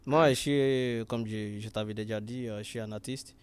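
A young man from western Nigeria, whose first language is Yoruba, is interviewed casually in learner French, using many fillers and restarts. He is an artist and freestyle rapper, and his lowish voice is smooth and steady at a moderate pace.

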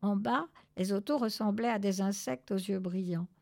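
A woman reading a children's novel aloud in an expressive, measured way. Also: medium pitch, vocal fry. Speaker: storyteller.

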